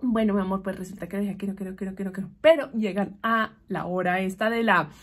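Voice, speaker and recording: A woman's voice: medium pitch, steady tone, fast talker, a bit bright. A woman chatting casually and gossipily as she recaps a TV show while doing her makeup. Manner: chatty, gossipy, keeps saying "mi amor". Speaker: vlogger.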